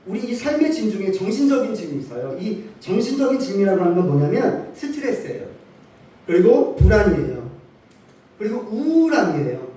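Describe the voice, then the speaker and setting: A man's voice: high voice, mellow, distant mic, slight background noise. A male pastor preaching a Sunday sermon, asking rhetorical questions and building up emphasis. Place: church sanctuary. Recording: echoey church hall from off-mic.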